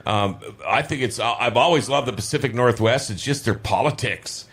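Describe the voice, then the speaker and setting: A man from Minnesota co-hosts a studio talk show. His pitch sits in an ordinary middle range, and he talks in a loose, rambling, joking way with the others in the room. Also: fairly bright tone, husky. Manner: chatty, rambling, quick to joke. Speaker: radio show host. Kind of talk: casual studio chat.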